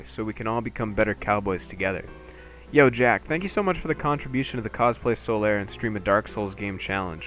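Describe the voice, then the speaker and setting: A young man streaming a game, chatting casually and joking with his viewers. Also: mid-range voice. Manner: chatty, jokey, animated.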